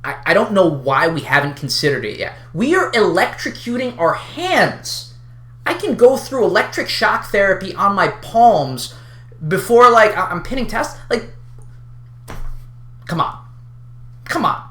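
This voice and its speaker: An online creator delivers an unhinged, unscripted rant in a sharp, forceful voice. The pitch swings widely with sarcastic, exasperated emphasis, and the casual, sweary delivery rings around an echoey room. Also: very animated, a little slow. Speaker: online video creator addressing a community.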